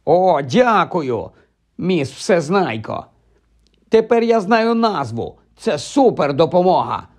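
A man's voice: sits high, normal speed, hardly any pauses, warm tone, pitched above the performer's own voice. A man voicing a cheeky, irritable schoolboy in an audiobook, snappy and sarcastic.

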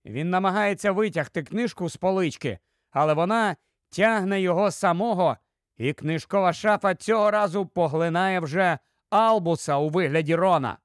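Male storyteller, high-pitched, dry close recording, dramatic read. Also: normal speed, dry recording.

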